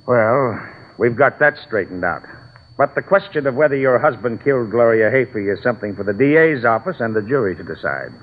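An actor playing a brisk, commanding police lieutenant in a 1940s radio mystery, heard over a tinny old broadcast. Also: male voice, mid-range voice, animated, close to an everyday voice. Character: gruff middle-aged male police lieutenant.

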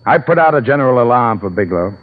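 An actor playing a brisk, commanding police lieutenant in a 1940s radio mystery, heard over a tinny old broadcast. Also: male voice, medium pitch, lively intonation, close to an everyday voice. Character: gruff middle-aged male police lieutenant.

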